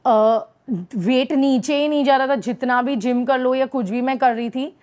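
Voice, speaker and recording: A woman's voice: high-pitched, fairly even intonation, normal speed, darkish tone. A woman in her thirties with an Indian accent, an actress chatting in an interview, bubbly and mixing Hindi with English. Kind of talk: casual interview chat.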